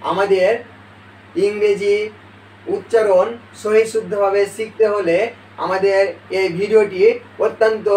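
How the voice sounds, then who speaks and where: A man teaching an English pronunciation lesson to video viewers, speaking slowly and deliberately and calling them dear viewers and friends. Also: high voice, a little mellow. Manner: slow, deliberate explanation with pauses. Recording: echoey room, far from the mic, faint noise.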